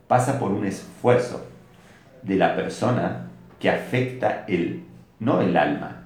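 A man's voice: on the low side, very echoey. A man with an Argentine Spanish accent giving a religious lecture, telling stories and asking rhetorical questions as he teaches. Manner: storytelling with rhetorical questions, animated. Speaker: rabbi teaching a class.

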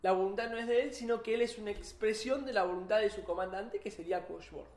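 A man's voice: sits high, quick pace. A man with a Rioplatense Spanish accent teaching a Torah class, explaining ideas and asking the students questions. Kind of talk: religious class. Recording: echoey room.

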